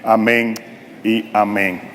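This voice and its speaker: A man preaching a sermon in a church, talking in an unhurried, conversational way and checking in with his listeners. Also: lowish voice, little pitch movement, fairly bright tone, slight background noise. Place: church sanctuary. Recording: long church-hall reverb.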